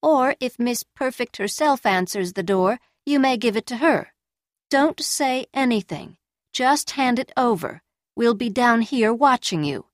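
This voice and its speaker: A cruel, beautiful young geisha, put on by a woman reading aloud, giving curt orders in a raised, sharp-edged voice. Her tone is scornful and commanding, close and dry in a storybook reading. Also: fairly high pitch, lively intonation, measured pace, dry recording, pitched above the performer's own voice. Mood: scornful commands.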